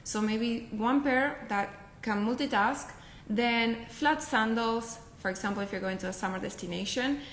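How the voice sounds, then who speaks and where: A woman's voice: fairly high pitch, normal speed, reverberant, a little hiss or hum. Spanish-accented woman giving packing tips. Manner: upbeat, instructive, tag questions like "right?". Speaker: professional packer, guest. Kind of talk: casual advice chat.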